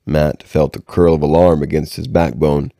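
A man reading a novel aloud in measured narration, with occasional stumbles and restarts. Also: rumbling low, level tone, vocal fry, warm tone, no echo, studio quality. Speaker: audiobook reader.

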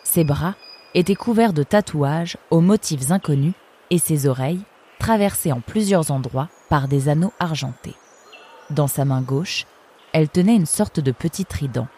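A woman reading a story aloud in a measured, clear storytelling manner. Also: sits low, warm tone. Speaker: audiobook reader. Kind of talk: storybook narration.

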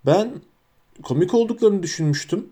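A man voicing a huge, cheerful and kindly male gamekeeper with a booming, hearty way of talking. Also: lively intonation, a little fast, warm tone. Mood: hesitant.

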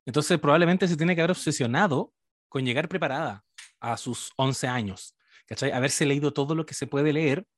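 A man's voice: on the high side, normal speed, dry recording, clean studio sound. A man with a Chilean Spanish accent in a casual podcast chat, joking and often correcting himself. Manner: lively, joking, self-correcting.

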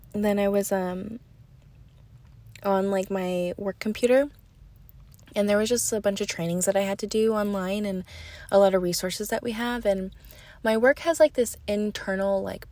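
Chatty young woman with a gravelly edge. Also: medium pitch. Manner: chatty, heavy use of "like", drops to soft whispers. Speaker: podcast host. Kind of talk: casual storytelling monologue.

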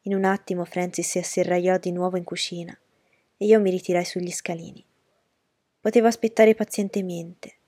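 A woman narrating a novel in a measured, storytelling way. Her voice sits somewhat low. The sound is dry and close. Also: level tone, dark tone, dry recording. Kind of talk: audiobook reading of a novel.

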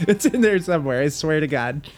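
A man's voice: a little high, a little mellow. A man co-hosting a podcast, chatting casually about music, rambling with fillers and laughing easily. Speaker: podcast co-host. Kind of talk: casual music review chat.

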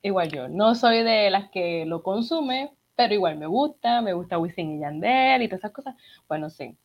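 A Puerto Rican woman talks easily as an interview guest, her accent softened at the edges. She tells stories with energy and acts out the voices of the people in them. The recording sounds a little dull and muffled. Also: mid-range voice, moderate pace. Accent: Puerto Rican Spanish, slightly neutralized. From Puerto Rico. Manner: chatty, animated storyteller who acts out dialogue. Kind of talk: casual conversational interview.

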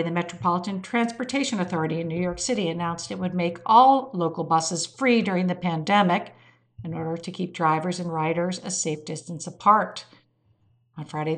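Woman, lowish voice, scripted news narration, flags quotes aloud. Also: a bit bright. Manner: reads quotes with air quotes.

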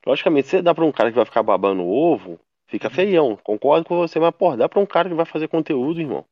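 A man's voice: on the high side, expressive, racing, no room sound. A man with a Brazilian Portuguese accent debating casually, insistent and slangy, over a lo-fi voice chat.

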